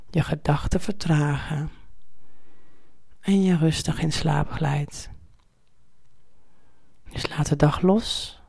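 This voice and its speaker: A woman guiding a sleep meditation in a soft, soothing way. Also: sits low, creaky. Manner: soft, slow, soothing delivery. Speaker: meditation guide.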